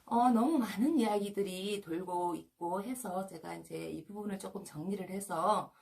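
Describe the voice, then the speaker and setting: Gravelly woman counselor, halting talk. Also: mid-range voice, a little mellow, a little hiss or hum. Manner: many filler sounds, slow and hesitant. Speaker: shaman counselor. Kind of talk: solo broadcast talk.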